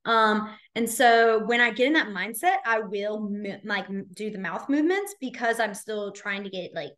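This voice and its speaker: A young woman giving an informal sign language lesson, signing while speaking in halting phrases on a video call. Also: mid-range voice, a bit bright. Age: young adult. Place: small room at home, video call. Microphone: computer video-call mic.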